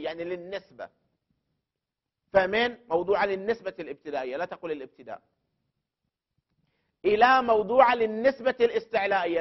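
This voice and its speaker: A man teaching a classroom lesson on legal theory. He builds the argument step by step, repeats key terms for emphasis and puts questions to the student. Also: sits high. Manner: addresses the student directly and poses questions. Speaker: teacher of jurisprudence principles. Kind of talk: classroom lecture. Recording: dull lo-fi recording.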